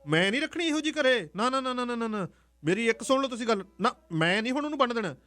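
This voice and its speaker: A man voicing an indignant middle-aged aunt who scolds in a shrill voice. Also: lively intonation, quick pace, sharp tone, full character voice. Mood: outraged.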